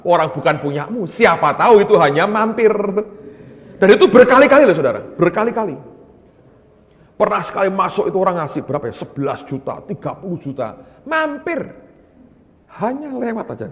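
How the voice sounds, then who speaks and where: A male pastor preaching a sermon, telling stories with lively energy and often addressing the congregation directly. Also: sits high, a little fast. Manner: animated storytelling, often calling the congregation "brothers". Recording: long hall reverb.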